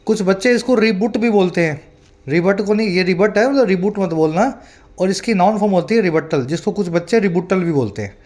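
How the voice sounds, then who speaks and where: High-pitched male English tutor explaining words. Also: lively intonation, darkish tone. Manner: explains slowly, reads English example sentences in a drawn-out way; asks the viewer often whether they follow. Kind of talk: vocabulary lesson in Hindi mixed with English.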